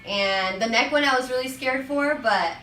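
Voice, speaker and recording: Bright-voiced woman, distant in an echoey room. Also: high voice, moderate pace. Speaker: chiropractic patient. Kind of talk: brief casual replies during treatment. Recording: echoey room, far from mic, faint music.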